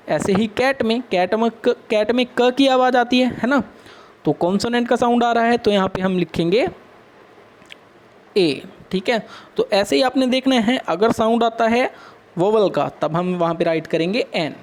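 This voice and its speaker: A man with an Indian English accent teaching young pupils, asking questions and answering them himself as he explains step by step. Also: high-pitched. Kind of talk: classroom lesson for children.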